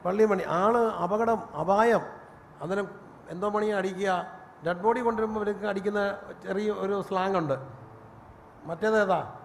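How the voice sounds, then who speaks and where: A high-pitched male pastor preaching a sermon in a reverberant hall, with faint noise behind him. He tells his stories in a loose, conversational way and then climbs into fervent, emphatic preaching. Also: fairly even intonation, moderate pace, creaky, pauses often.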